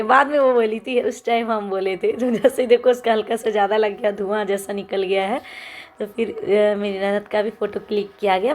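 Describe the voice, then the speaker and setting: Young woman, vlogger, casual voice-over, chatty, light laughs, explaining customs. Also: mid-range voice.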